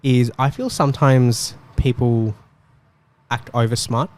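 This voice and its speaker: A man hosting a casual panel chat, talking in quick, animated bursts. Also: mid-range voice. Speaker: podcast host.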